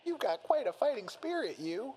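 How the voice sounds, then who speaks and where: A man's voice: very high-pitched, sing-song, normal speed, mellow, voice pushed up, rough recording. A man voicing a bear-suited male creature who turns from tearful to menacing in a storybook reading. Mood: gloating.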